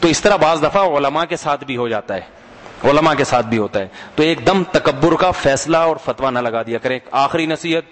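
A man's voice: medium pitch, fairly bright tone, long reverb tail. A man giving a sermon in a conversational way, telling humorous anecdotes and often asking his audience to answer back. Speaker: religious preacher.

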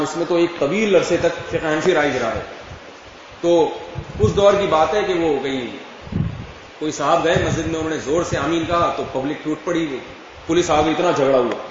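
A man delivers a religious lecture in a chatty, explaining way, stopping to ask if his listeners follow. His voice sits a little high and comes from a distance, dulled and ringing through a large echoing hall with a faint hiss underneath. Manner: conversational, checks understanding with rhetorical questions. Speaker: Islamic scholar. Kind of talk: religious lecture answering questions. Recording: echoey hall, far from dull mic, faint noise.

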